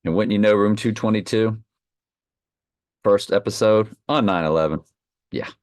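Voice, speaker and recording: A man's voice: fairly low pitch, moderate pace, no echo, studio quality. A man leading an informal Bible study, reading and commenting off the cuff, slightly slurring because half his mouth is numb from the dentist. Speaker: online Bible study host.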